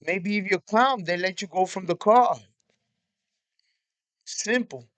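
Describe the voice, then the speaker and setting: A man's voice: high voice, unhurried, heavy background noise. A man hosting a reaction video, giving blunt, profane, matter-of-fact commentary.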